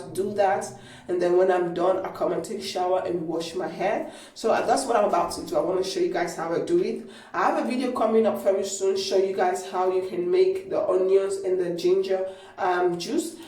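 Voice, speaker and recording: In a casual how-to vlog, a hair care vlogger rambles to her audience in a soft, mellow voice, stumbling over fillers and restarts. A mobile phone camera captures her from a distance in a small, echoey home bathroom, so the low-quality stream sounds roomy.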